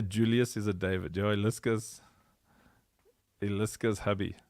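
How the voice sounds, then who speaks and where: A playful man hosts a casual livestream, his voice gravelly with fry. He chatters in a sing-song way and laughs often, recorded dry and close on a computer mic. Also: on the low side, fairly even intonation, measured pace, darkish tone, dry recording. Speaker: livestream host.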